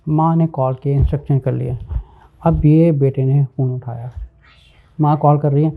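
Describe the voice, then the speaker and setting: A man's voice: on the high side, steady tone, gravelly. A man preaching a sermon, earnest and emphatic, slipping English words into his talk. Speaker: Islamic preacher. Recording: narrow phone-like sound.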